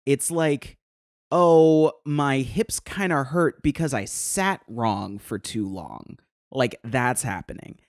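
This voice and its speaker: A man's voice: mid-range voice, slow pace, no echo, clean studio sound. A man co-hosting a casual podcast chat, talking in a jokey way with many fillers. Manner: animated, filler-heavy, jokey. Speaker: podcast co-host.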